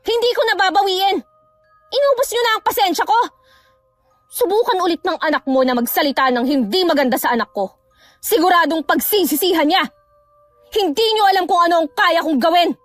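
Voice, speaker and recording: An actress playing a furious, sharp-tongued pregnant young wife who hurls threats in a horror audio drama. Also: female voice, a little fast, no echo, soft background music. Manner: shouting threats, shrill. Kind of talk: Filipino radio-style horror drama acting.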